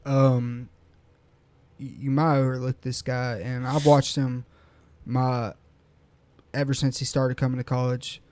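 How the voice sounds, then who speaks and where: A man's voice: mid-range voice, flat delivery, a little slow, a little mellow, no room sound. Eager man bantering over sports picks. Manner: enthusiastic, one-upping banter. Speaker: podcast co-host. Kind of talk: casual sports podcast chat.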